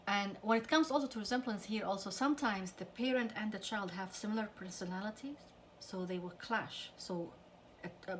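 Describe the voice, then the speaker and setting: A woman's voice: mid-range voice, fairly bright tone, slight background noise. A middle-aged woman counselor giving an earnest talk to parents about conflict with teenagers. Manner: earnest, acts out quoted parents and teens. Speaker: family counselor.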